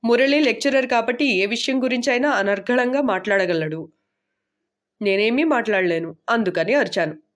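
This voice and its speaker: A woman's voice: fairly high pitch, moderate pace, natural voice. Woman reading as a joking young tire merchant.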